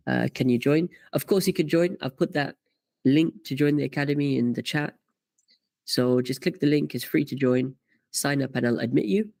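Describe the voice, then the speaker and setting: He's the host of a live karting coaching stream, going through viewer comments with plenty of fillers and false starts. His voice is medium-pitched, gravelly and darkish, with no echo.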